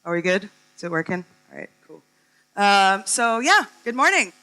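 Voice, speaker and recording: A woman's voice: mid-range voice, big pitch swings, moderate pace, pushed and bright, rough recording. A woman from California, giving a chatty, upbeat conference talk on stage, with many ums. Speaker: conference speaker.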